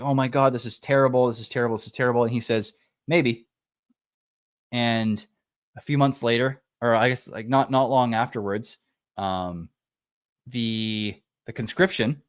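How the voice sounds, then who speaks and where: A man's voice: fairly low pitch, dry recording, clean studio sound. A man hosting a casual livestream, musing thoughtfully and rambling with fillers and restarts. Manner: rambling, with many fillers and self-corrections. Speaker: livestream host. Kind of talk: casual reflective livestream talk.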